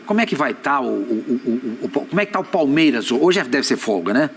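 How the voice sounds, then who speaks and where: A man with a Brazilian accent on a studio sports debate panel, talking conversationally and dropping low and quiet when he muses. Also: very animated, a little fast, creaky, breathy edge. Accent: Brazilian Portuguese.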